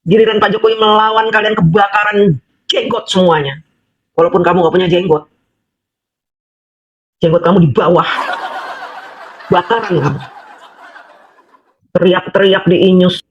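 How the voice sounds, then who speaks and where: A woman's voice: lowish voice, steady tone, moderate pace, long pauses. A woman who calls herself a housewife, delivering an angry, mocking monologue at her critics and firing off rhetorical questions. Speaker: housewife voicing political opinion. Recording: dull lo-fi recording.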